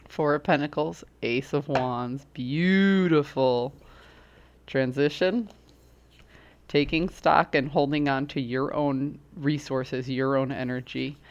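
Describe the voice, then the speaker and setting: A woman's voice: a bass voice, dull audio. A woman giving a casual tarot reading who chats and explains her points through everyday examples. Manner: acts out quoted reactions. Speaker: tarot reader.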